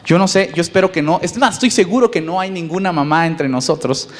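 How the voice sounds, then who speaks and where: A man with a Mexican accent preaching a sermon as pastor, lively and conversational, asking his listeners questions. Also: sits high, brisk. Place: church. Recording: long reverb in a church hall.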